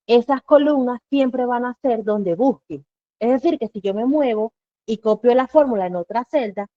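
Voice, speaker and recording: A woman's voice: fairly high pitch, dark tone, no room sound. A woman giving a live online Excel class, explaining step by step and asking herself rhetorical questions as she goes. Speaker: Excel instructor. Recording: dull lo-fi dry recording.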